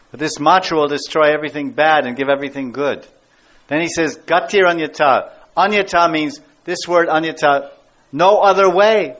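This man's voice sits on the high side with a fairly bright tone. He leads a devotional class as a spiritual teacher, speaking emphatically and repeating key words and phrases. The recording is dull and lo-fi.

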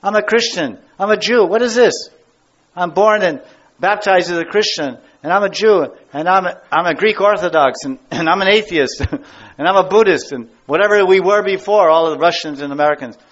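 Male spiritual teacher, somewhat high-pitched, emphatic lecturing delivery with lots of repetition, muffled lo-fi recording. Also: moderate pace, a bit bright. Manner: emphatic, repeats key words and phrases. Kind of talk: devotional class lecture. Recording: dull lo-fi recording.

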